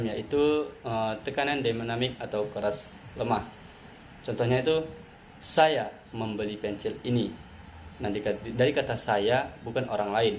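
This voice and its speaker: A man's voice: medium pitch, a little mellow. A man teaching vocal exercises for theater, explaining step by step and demonstrating sounds aloud. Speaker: vocal training instructor. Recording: dull lo-fi sound, faint background noise.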